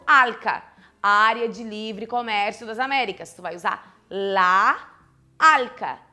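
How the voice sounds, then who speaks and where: Bright, playful young woman teaching Spanish. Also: on the high side. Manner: playful, chatty, rhetorical questions. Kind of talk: lively online lesson. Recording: faint background music.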